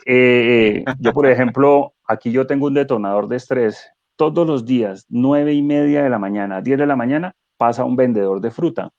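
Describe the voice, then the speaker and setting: A man speaking as a guest neuro-coach in a conversational webinar, animated and explanatory, asking rhetorical questions. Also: mid-range voice, normal speed, few pauses, dry recording, lo-fi sound.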